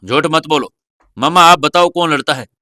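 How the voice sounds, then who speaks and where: A man voicing a teasing, sharp-tongued little girl in an audio story, with bossy, mocking retorts. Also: fairly high pitch, normal speed, no room sound, clean studio sound.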